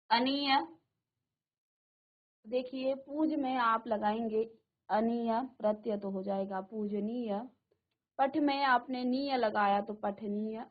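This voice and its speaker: A middle-aged woman teacher giving a classroom lesson, repeating each word slowly and asking the class questions. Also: on the high side, narrow, tinny audio. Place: virtual classroom studio.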